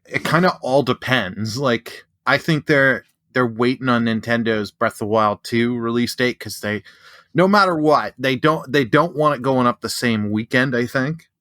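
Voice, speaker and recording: A man's voice: medium pitch, a bit bright, dry recording. A man talks as a guest on a gaming podcast. He rambles and restarts his sentences, recorded close and dry. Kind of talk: casual chat.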